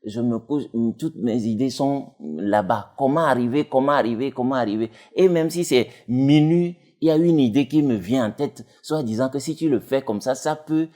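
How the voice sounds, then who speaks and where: A man's voice: expressive, normal speed, hardly any pauses, mellow. A man, a dubbing actor talking casually as an interview guest, rambling with many fillers and restarts. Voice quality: deep voice.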